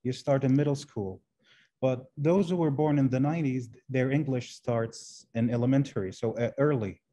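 A man's voice: medium pitch, moderate pace, dark tone. A Kuwaiti man in his forties whose first language is Arabic, answering interview questions over a video call in a hesitant way, with many fillers and restarts. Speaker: guest, translation professor. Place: indoor room.

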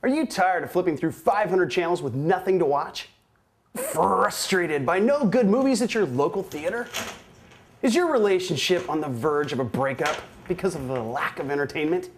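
A man in his thirties hosting an infomercial with an exaggerated, emphatic sales pitch delivery. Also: animated, normal speed. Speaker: infomercial host. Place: small indoor room, speaking to camera.

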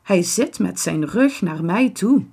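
A woman voicing a bold, quick-tempered young girl in a children's storybook reading. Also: on the low side, expressive, creaky, breathy edge, full character voice. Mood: hushed. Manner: loud and snappish, then hushed.

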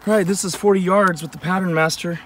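A man's voice: high voice, steady tone, fast, a bit bright, a little hiss or hum. Man explaining shotgun results outdoors. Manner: plain, matter-of-fact explaining. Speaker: channel host. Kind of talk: casual outdoor gear review. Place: outdoor shooting range. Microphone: camera mic at a distance.

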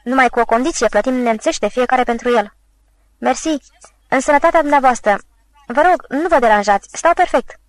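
A woman's voice: high voice, no echo, close to an everyday voice. A woman voicing a drunken, bombastic old male tragic actor who rants and hurls theatrical insults. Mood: politely boastful.

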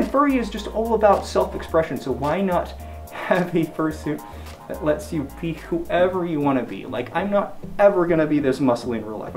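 A man's voice: a little high, darkish tone. A young man chatting in an upbeat, casual way from inside a fursuit head. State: through a costume head. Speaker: furry video creator showing his fursuits. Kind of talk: casual vlog chat.

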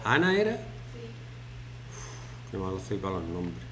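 Chatty teacher in an echoey classroom. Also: male voice, low-pitched, takes it slowly. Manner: chatty, joking, lively, acts out shouting examples. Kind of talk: classroom talk to students. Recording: echoey classroom, faint background noise.

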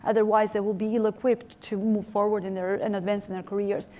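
A woman's voice: medium pitch, flat delivery, brisk, mellow. A woman in her forties moderating a panel on a conference stage, asking long questions with restarts and hedges into a lapel mic.

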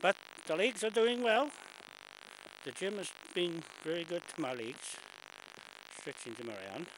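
An older man talks slowly while out of breath, filming himself walking outdoors on a bush stairway. His chat rambles and he keeps clearing his throat. The camcorder audio carries a loud, steady hiss. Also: high voice. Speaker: vlogger filming a walk. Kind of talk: casual walking commentary. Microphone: handheld camera mic.

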